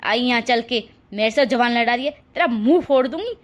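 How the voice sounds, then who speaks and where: An arrogant, spoiled rich young bride from a cartoon family drama, as a woman plays her. Her voice is high, and she sneers as she talks. She speaks with haughty contempt. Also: a little fast, close to an everyday voice. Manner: haughty and insulting.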